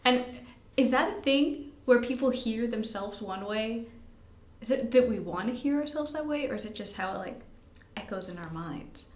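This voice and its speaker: A young woman with a slightly high voice talks at a moderate pace while co-hosting a podcast. It's a relaxed, rambling conversation in which she giggles, makes fun of herself and seems tired, and the recording has a roomy echo.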